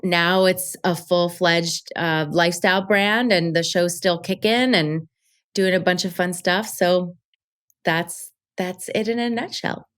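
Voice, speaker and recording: Upbeat female podcast guest, slightly low pitch, casual and chatty. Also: fairly even intonation, unhurried, fairly bright tone. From Colombia. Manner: chatty, upbeat storyteller with fillers. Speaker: podcast guest, travel show creator. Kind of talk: casual interview chat.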